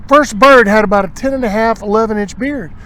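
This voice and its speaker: A man's voice: sits high, a little fast. A man hosting an outdoors show, telling rambling hunting stories and acting out what people said, recorded outdoors at a marina. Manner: rambling, animated storyteller acting out quotes. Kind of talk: casual storytelling chat.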